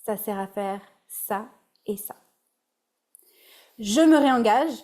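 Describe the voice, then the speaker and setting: A woman speaks in a mid-range, slightly mellow voice with a Québécois French accent. She's a relationship coach presenting a webinar in a casual, conversational way, slipping in English words here and there.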